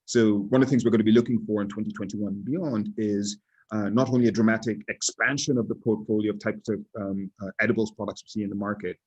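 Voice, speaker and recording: A man speaking as an industry analyst in a casual podcast discussion, deliberate and often restarting his sentences. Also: lowish voice, steady tone, a little mellow, slightly rough, lo-fi sound.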